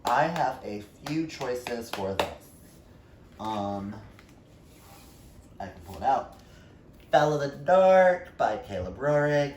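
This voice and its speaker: With a mid-range, slightly mellow voice, this book vlogger speaks slowly and animatedly, leaving long pauses as he enthuses to viewers about books. The mic is distant, and the echoey room has faint noise in the background.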